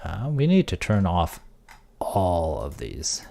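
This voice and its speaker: A man streaming casually, thinking aloud as he works on audio software and trailing off into quiet mutters. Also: low voice, huge pitch swings, slow, creaky. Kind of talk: casual tech livestream.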